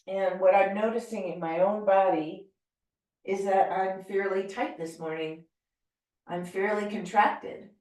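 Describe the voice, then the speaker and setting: A middle-aged American woman leading a yoga class, calmly and gently cueing breath and movement. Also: lowish voice. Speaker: yoga teacher. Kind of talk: guided yoga class instruction. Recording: very echoey room, voice from far off.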